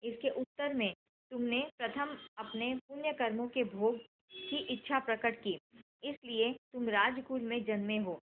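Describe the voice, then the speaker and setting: Woman reading sacred story aloud, steady and measured, higher voice, tinny line. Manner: steady, measured, occasional self-corrections. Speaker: scripture reader. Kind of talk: devotional scripture reading. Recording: tinny phone-like line, faint noise.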